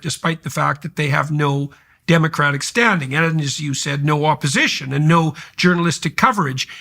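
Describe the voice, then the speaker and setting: A man's voice: on the high side, bright, forceful tone. A middle-aged man hosting a podcast, talking in emphatic, sweeping, sardonic commentary. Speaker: host. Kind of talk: podcast conversation.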